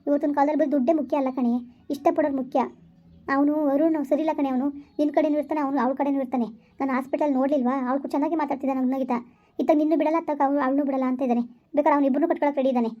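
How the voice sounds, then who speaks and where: A woman's voice: high-pitched, fairly even intonation, very fast, natural voice. A woman acting as a concerned friend who gives advice in a village family drama, talking persuasively. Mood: persuading. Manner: persuading, advising. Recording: dull lo-fi recording.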